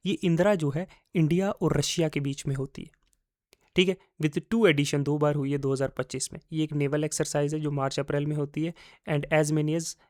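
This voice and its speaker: A man teaching a recorded exam-prep lecture. He talks conversationally, mixes in terms, and asks his own questions before answering them. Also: a little high.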